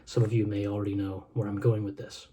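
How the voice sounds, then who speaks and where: Video host guy talking like a sermon, super warm dark voice, slow and earnest. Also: on the low side, little pitch movement. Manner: solemn, measured, heartfelt. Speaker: food review video host. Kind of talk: earnest sermon-like monologue with scripture reading.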